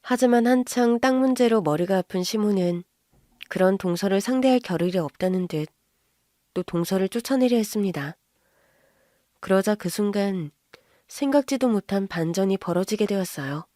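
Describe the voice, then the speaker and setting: A woman's voice: medium pitch, expressive, moderate pace, warm tone, no echo, studio quality. A woman narrating a listener's submitted story in the first person, in a conversational storytelling manner.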